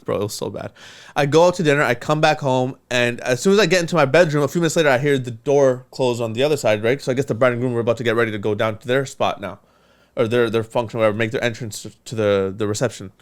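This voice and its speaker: A man telling a story in casual podcast chat, animated and profane, acting out the voices of the people in it. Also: medium pitch, fast talker. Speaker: podcast co-host.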